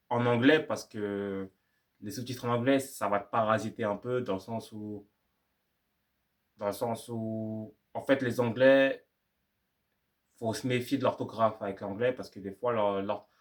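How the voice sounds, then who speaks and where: A young man talking casually to camera about learning English, rambling and repeating himself in slangy French. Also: medium pitch. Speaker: YouTuber giving language-learning tips. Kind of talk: casual vlog monologue.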